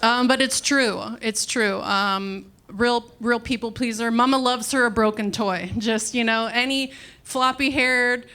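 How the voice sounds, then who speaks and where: Woman comic, high voice, dry self-deprecating stand-up delivery, quick acted-out asides. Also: fairly even intonation, sharp tone. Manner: wry, self-deprecating, acts out quick dialogue. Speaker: stand-up comedian. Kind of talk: stand-up comedy set. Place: comedy club stage.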